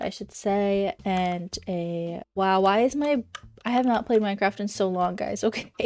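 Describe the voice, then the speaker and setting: A young Minecraft YouTuber casually tours a build she made, her talk chatty, rambling and full of self-corrections. Her voice is medium-pitched, a little mellow and slightly congested.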